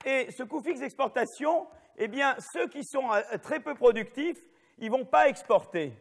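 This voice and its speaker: A man's voice: very high voice, expressive, a little slow, vocal fry, husky, long reverb tail. A middle-aged man giving a spontaneous university lecture, digressive and full of restarts and asides, often checking in with his audience and making self-mocking jokes. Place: lecture hall.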